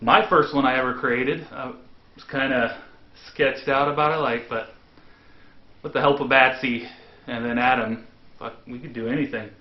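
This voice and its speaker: Joking host in a roomy room. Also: male voice, medium pitch, fairly even intonation, normal speed, pauses often. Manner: joking, emphatic. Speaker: show host. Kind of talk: casual chat. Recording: roomy, slightly dull sound.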